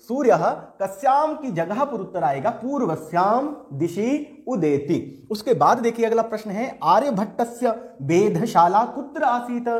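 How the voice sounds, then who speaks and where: A man's voice: high voice, a little mellow. A man teaching a lesson, asking questions and then answering them himself. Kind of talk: classroom lesson explaining exercises.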